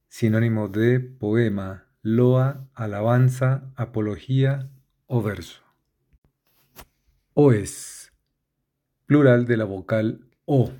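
Male reader, mid pitch, unhurried dictionary recital, warm tone. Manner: slow, measured, spells out letters. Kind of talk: reading dictionary entries aloud.

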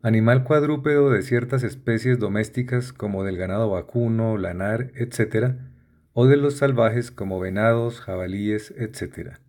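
This vocabulary reader has a lowish, darkish voice and moves at a moderate pace. He reads dictionary entries in a slow, deliberate, methodical manner, spelling out letters and listing synonyms.

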